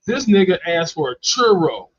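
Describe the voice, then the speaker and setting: A man's voice: high voice, sing-song, moderate pace. A man co-hosting a comedy chat show, telling blunt, heated, profanity-filled stories and acting out the quotes. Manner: blunt, heated, swears constantly, acts out quotes. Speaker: co-host. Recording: dull lo-fi stream audio, dry.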